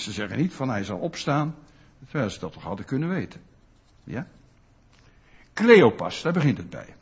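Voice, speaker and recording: A man preaching a sermon, animated and often putting questions to his listeners. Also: a little high, slightly rough. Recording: dull lo-fi sound.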